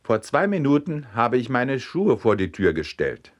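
A tipsy, indignant man grumbling in a taxi, as a narrator puts him on. The pitch lifts a little over the reader's own and moves a lot. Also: sing-song, a little slow. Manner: complaining.

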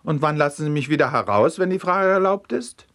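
A man's voice: fairly high pitch, animated, fairly quick, fairly bright tone, pitched above the performer's own voice. A man playing a sly, cheeky vagrant. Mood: protesting. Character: cheeky evasive male vagrant, grinning.

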